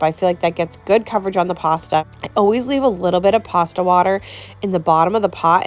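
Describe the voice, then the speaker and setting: Chatty woman filming a cooking vlog. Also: lowish voice. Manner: chatty, laughs often, says "like" a lot. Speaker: home cooking vlogger and mom. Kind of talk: casual cooking tutorial. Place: home kitchen.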